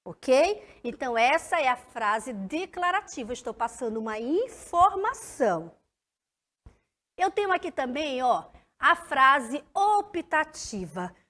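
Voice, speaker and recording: A woman primary school teacher, giving a recorded lesson to children in an animated, sing-song way and addressing them directly. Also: high voice, slow.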